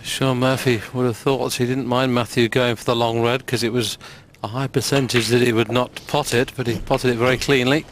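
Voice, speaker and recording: A man giving hushed, measured and analytical live snooker commentary. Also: medium pitch, little pitch movement, slight background noise. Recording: audience and clicking sounds behind. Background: snooker hall audience, clicks.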